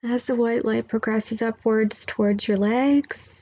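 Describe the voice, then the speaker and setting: A woman's fairly high, steady voice leads a guided meditation at a measured pace, hushed and intimate right up on the mic. Her phrasing repeats hypnotically and soothingly, and the recording has no echo.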